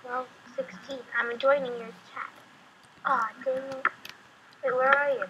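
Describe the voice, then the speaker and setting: A woman's voice: high voice, level tone, unhurried, dull audio. A woman playing along in a game with friends over voice chat, eager and chatty, always asking where the others are. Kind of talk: casual voice chat while gaming. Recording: noisy voice chat audio.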